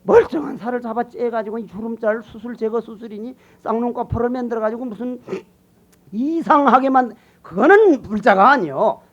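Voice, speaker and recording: High-voiced older monk preaching, lo-fi. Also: male voice. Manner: colloquial, teasing and emphatic, swings between loud calls and quiet asides. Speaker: Buddhist monk giving a dharma talk. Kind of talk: sermon. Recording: dull lo-fi sermon recording.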